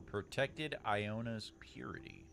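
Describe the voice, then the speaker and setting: A man's voice: fairly low pitch, slow pace, creaky, very noisy. A man giving casual, laid-back, informal commentary as he plays a video game. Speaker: gamer commentator.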